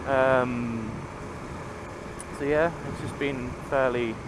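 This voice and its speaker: A man with a mid-pitched voice talks from inside a motorcycle helmet, so it sounds enclosed and muffled. He rambles in a chatty, self-deprecating vlog style while riding. Loud wind, engine and road noise runs behind his words. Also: steady tone, slow pace. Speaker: motorcycle vlogger. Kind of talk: casual chat while riding. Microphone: microphone inside a helmet.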